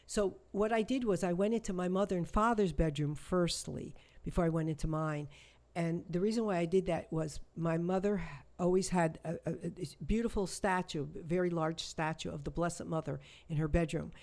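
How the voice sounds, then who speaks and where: Halting, low-voiced woman telling a story. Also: steady tone, darkish tone. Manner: halting, emotional, many restarts and repetitions. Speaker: shamanic healer guest. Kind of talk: personal storytelling in an interview.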